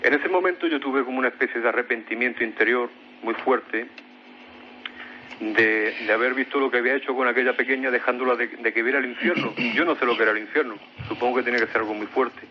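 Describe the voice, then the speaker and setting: A man from Spain, speaking fast in a mid-range voice, recounts a strange paranormal experience of his own as a guest on a radio mystery program, hesitating and repeating himself often. The sound is lo-fi with slight background noise.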